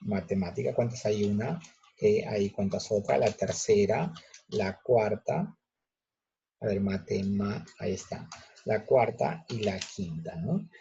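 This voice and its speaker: A male teacher patiently explaining a grammar lesson step by step, checking in with students with quick questions. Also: on the low side, lively intonation, vocal fry, mellow, husky. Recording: muffled lo-fi recording.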